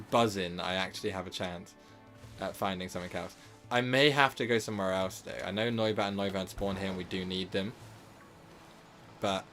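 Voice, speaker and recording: Here a low-pitched, fairly bright male voice, scratchy from a slightly sore throat, narrates his live game stream in a loose, casual way. He keeps stumbling over fillers and revising what he just said.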